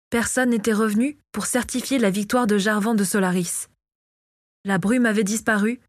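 A woman reads a fantasy novel aloud as an audiobook, narrating from a script in a calm, measured storytelling style. Her medium-pitched voice comes through in a dry, clean studio recording.

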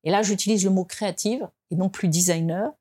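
A woman from France speaking as a guest in an interview, reflective and hesitant, with many fillers and restarts, and rising in pitch to stress her points. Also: steady tone, fairly quick, warm tone, breathy edge. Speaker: design expert guest. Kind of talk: conversational interview.

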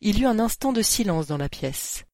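A woman narrating an audiobook in a measured, even storytelling manner. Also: mid-range voice, no room sound, studio quality.

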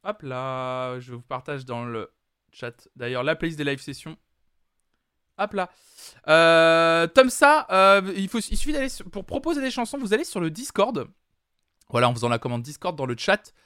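A man's voice: fairly high pitch, animated, moderate pace, pushed and bright, clean tone, dry recording, studio quality. A man hosting a live music stream, chatting casually with lots of hesitant fillers. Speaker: streaming music show host.

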